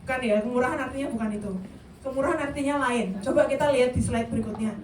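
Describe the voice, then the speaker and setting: High-voiced woman preaching in an echoey room. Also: racing, recorded from a distance. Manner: lively, questions the audience directly. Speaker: youth service speaker. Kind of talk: interactive youth sermon mixing in English. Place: church meeting room. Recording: echoey room, voice from afar, faint hiss.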